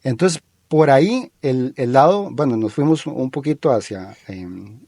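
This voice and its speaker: A man's voice: mid-range voice, animated, mellow, dry recording. Opinionated Costa Rican man, dry sound. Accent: Costa Rican Spanish. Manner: opinionated, analytical, pauses with frequent fillers. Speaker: talk show host. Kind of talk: critical discussion.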